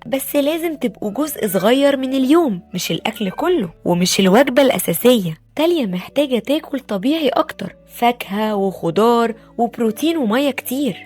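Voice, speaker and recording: A woman with an Egyptian Arabic accent voicing a calm, wise and kind female apple in a children's bedtime story. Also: fairly high pitch, a little fast, hardly any pauses, slightly rough, soft background music. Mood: gentle. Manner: gentle and patient, explaining.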